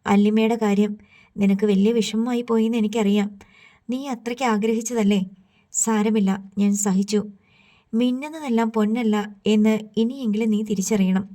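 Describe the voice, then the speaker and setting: A woman's voice: medium pitch, fairly even intonation, normal speed, dark tone, close to an everyday voice. A woman voicing a preachy older sister who lectures her brother in proverbs. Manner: moralizing, full of proverbs.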